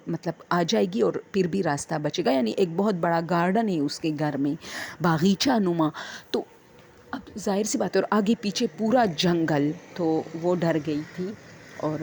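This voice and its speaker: Soft-voiced woman telling ghost stories. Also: on the low side, gravelly, a little hiss or hum. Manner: hesitant, many fillers and pauses. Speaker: storyteller. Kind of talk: casual spoken storytelling.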